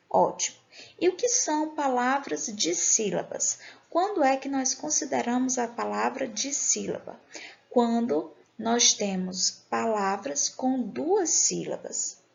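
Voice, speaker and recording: Slow, gravelly woman teacher. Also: fairly high pitch, darkish tone. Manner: patient, asks questions and answers them herself. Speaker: grammar teacher. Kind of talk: recorded online class. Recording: dull lo-fi recording.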